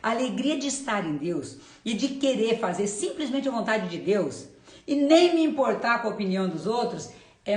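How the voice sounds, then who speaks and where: A woman's voice: mid-range voice, roomy sound. A woman with a Brazilian accent giving an informal, effusive faith testimony on a live stream, often repeating short phrases. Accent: Brazilian Portuguese. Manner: informal and effusive, calls the audience "gente". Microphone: live-stream setup, camera or phone.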